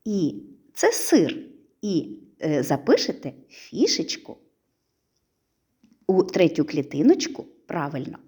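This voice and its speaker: A woman teaching preschoolers a literacy lesson, stretching out syllables in a sing-song, slow and clear way. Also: low voice, huge pitch swings, warm tone.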